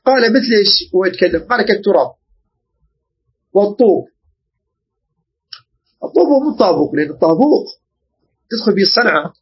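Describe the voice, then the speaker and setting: A man from Iraq with an Iraqi Arabic accent, teaching a religious jurisprudence lesson and often pausing to check that listeners follow. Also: sits high, animated, husky, highs cut off. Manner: explanatory, checks understanding often.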